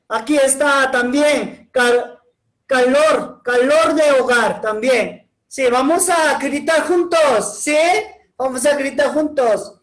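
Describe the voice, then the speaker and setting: A man preaching as a pastor to children, speaking slightly broken Spanish and slowly calling on groups of children to shout back. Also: very high-pitched, roomy sound, poor audio. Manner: slow, encouraging, calls on groups of children.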